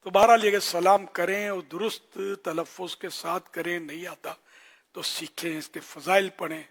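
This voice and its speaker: Man with a high voice teaching religion, earnest and scolding a bit, long hall echo. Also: fairly even intonation, fairly bright tone. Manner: earnest, admonishing, short spoken phrases with pauses. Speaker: religious scholar answering questions.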